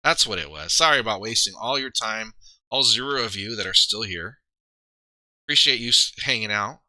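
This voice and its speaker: A man on a live stream, chatting in a loose, rambling way and laughing at his own slips. His voice is very bright and forceful and a bit low for a man. It is recorded dry and close, with no room sound. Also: moderate pace, dry recording. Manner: rambling, self-deprecating, trails off and restarts. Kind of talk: casual live-stream commentary.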